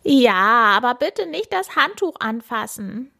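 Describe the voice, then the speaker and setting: A woman's voice: high voice, normal speed, gravelly, voice pushed up. A woman doing a sobbing shy young cheetah boy. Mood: tearful. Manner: whiny, tearful.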